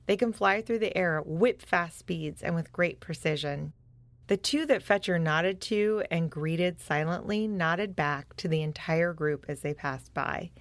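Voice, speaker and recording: Gentle woman reading a children's story. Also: lowish voice, dry recording. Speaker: narrator.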